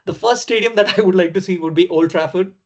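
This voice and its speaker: A man's voice: high voice, fast talker, darkish tone. A man from India hosting a podcast interview, speaking eagerly and filling his speech with "you know". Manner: eager, uses many "you know" fillers. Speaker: podcast host. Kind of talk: casual interview chat. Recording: dull lo-fi sound.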